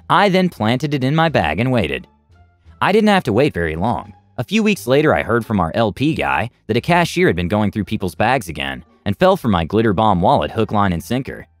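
A man narrating reddit stories aloud in a lively storytelling manner. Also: dry recording. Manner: lively storytelling with big pitch swings.

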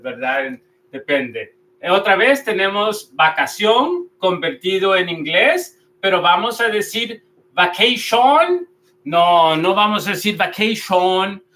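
A male language teacher with a bright, fairly high voice. He talks at an unhurried pace, stressing and repeating each word so learners can copy it. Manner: patient, repeats each word slowly and with emphasis. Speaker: English pronunciation teacher. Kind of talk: explaining pronunciation in a video lesson.

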